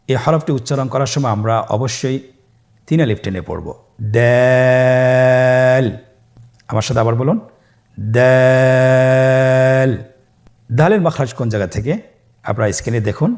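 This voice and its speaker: Male Quran reading teacher, mid-pitched, calm and patient, long drawn-out letter sounds, repeat-after-me delivery. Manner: calm, patient, with frequent pious interjections. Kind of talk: step-by-step recorded lesson.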